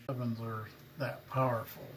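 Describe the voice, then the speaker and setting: Over clear room noise, a man chats in a casual, practical way. His voice sits at an average male pitch as he talks through a hobby activity. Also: level tone, moderate pace. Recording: noisy room ambience.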